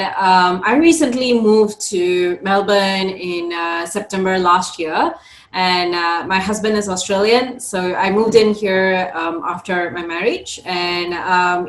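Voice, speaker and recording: A young woman from Singapore talks as a podcast guest about her path into coaching. She speaks at a middle pitch, pausing with thoughtful fillers. Her voice rings in a roomy, echoey space. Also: slight background noise. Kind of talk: conversational interview.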